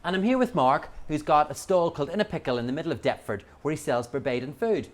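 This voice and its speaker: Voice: medium pitch, expressive, quick pace. A cooking show host casually interviewing a cook, asking questions and prompting the next step. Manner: inquisitive, prompting.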